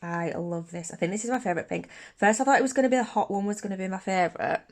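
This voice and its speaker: This young beauty YouTuber talks very fast in a medium-pitched, darkish voice while walking viewers through her nails indoors from a bedroom set. She's chatty and bubbly, a bit sniffly with a cold, and restarts sentences mid-thought.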